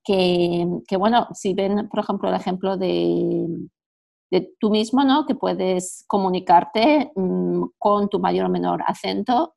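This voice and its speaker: A woman's voice: fairly low pitch, slow, gravelly, dark tone. A woman from Spain hosting a radio interview, a teacher herself, speaking thoughtfully with many hesitations.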